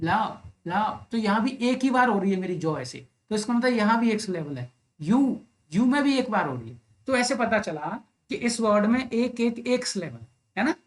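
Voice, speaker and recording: A man teaching an exam-prep literature lesson online, explaining step by step, often checking in with the listener, and reading English verse lines very slowly. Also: high voice, a bit bright. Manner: explains step by step with frequent "right?" tag questions.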